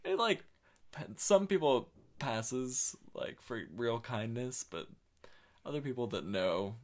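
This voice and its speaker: A young man co-hosting a podcast chats casually in a laid-back, animated way, with a mid-range voice and a slow pace. He swears freely and does mock-sweet impressions of himself at work.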